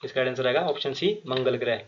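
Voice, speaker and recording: A man's voice: mid-range voice, fairly quick, slight background noise. A man teaching an exam-prep quiz lesson, reading each question and its options aloud, repeating them, then explaining the answer with fillers and restarts. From Himachal Pradesh. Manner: frequent fillers and restarts, addresses viewers directly. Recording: muffled lo-fi recording.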